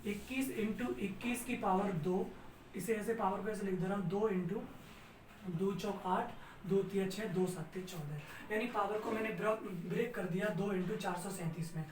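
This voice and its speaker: A man's voice: sits high, moderate pace. A man teaching an exam-prep math lesson step by step, asking his students questions and answering them himself. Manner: steady, step-by-step explaining. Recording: roomy sound, distant mic, faint noise.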